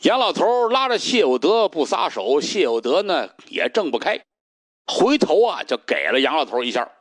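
A man performing a traditional solo storytelling piece, told with animated, dramatic pacing. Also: a little high, normal speed, dry recording, studio quality.

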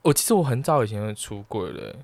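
A man's voice: fairly low pitch, very animated, quick pace, a little mellow, no room sound. A man with a Taiwanese Mandarin accent telling a personal story as a guest in a casual chat, acting out the voices of the people he quotes.

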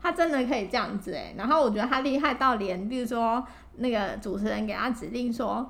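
A woman with a Taiwanese Mandarin accent co-hosting a podcast in casual chat, eager and quick to chime in with agreement. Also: a little high, creaky. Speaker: podcast co-host.

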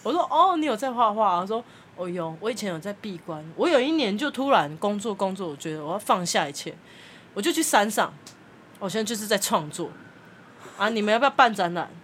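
A woman's voice: medium pitch, big pitch swings, brisk, a bit bright, slight background noise. A woman podcast host, telling a story in casual chat and acting out the people she quotes, with frequent laughter.

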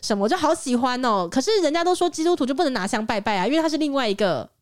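A woman's voice: high-pitched, animated, rapid-fire, clear, resonant tone, no room sound, clean studio sound. A woman co-hosting a casual chat podcast, from Taiwan, telling stories in a chatty way with giggles. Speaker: podcast co-host.

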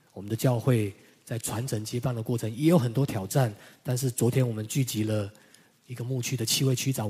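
A man pastor delivering a sermon, telling personal stories, moving between loud emphasis and quiet, reflective passages. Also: lowish voice, breathy edge.

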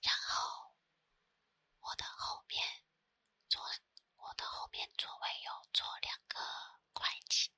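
A woman with a Taiwanese Mandarin accent tells personal stories in a soft, breathy ASMR whisper close to the microphone, unhurried and with pauses. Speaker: ASMR creator. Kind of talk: whispered ASMR storytelling, chatty.

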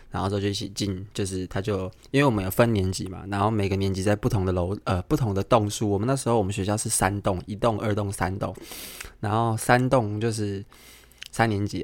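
Low-voiced Taiwanese man telling a story. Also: no room sound. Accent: Taiwanese Mandarin. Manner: animated, acts out the people in his story. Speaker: podcast host. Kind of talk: casual storytelling monologue.

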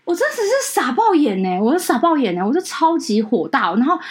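A woman's voice: high-pitched, big pitch swings, brisk. A woman with a Taiwanese Mandarin accent, hosting a podcast as a casual chat and telling an indignant story with acted-out quotes. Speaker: podcast host.

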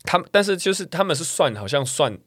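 A man recounting a trip as a podcast guest. He talks quickly with a lively, swooping pitch and often acts out the people he quotes. The close mic gives a dry sound. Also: slightly rough, no room sound. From Taiwan. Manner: animated, laughing storyteller who acts out quoted voices. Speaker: guest capoeira instructor. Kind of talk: casual storytelling chat.

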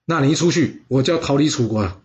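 A man's voice: medium pitch, fast, a little mellow, lo-fi sound, close to an everyday voice. A man voicing a shrewd, urgent young strongman warrior in a storytelling podcast.

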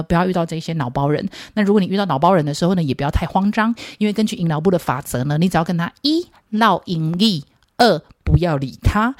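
In a studio-quality recording without echo, a thirtysomething woman podcast host with a lowish, darkish voice tells stories in a teasing, playful monologue. She has a Taiwanese Mandarin accent and laughs at her own jokes.

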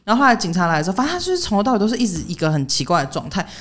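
A fast-talking woman recounts a story on a relaxed chat show, her pitch leaping up and down as she acts out the people in it. She keeps a brisk pace throughout and slips into the voices of the people she quotes. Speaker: podcast co-host.

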